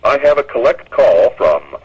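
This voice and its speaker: A man's recorded operator voice on a prison payphone call, reading slow, repeated instructions. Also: medium pitch, sing-song. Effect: payphone call over a prison phone line. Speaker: automated collect-call operator. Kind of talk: recorded phone prompt. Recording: muffled, noisy phone line.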